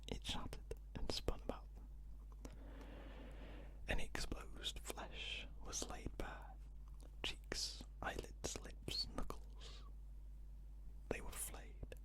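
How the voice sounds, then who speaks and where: A narrator reading a fantasy story aloud in a breathy ASMR whisper, close to the microphone, deliberately and with pauses between short phrases. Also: poor audio. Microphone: close ear-to-ear stereo microphone.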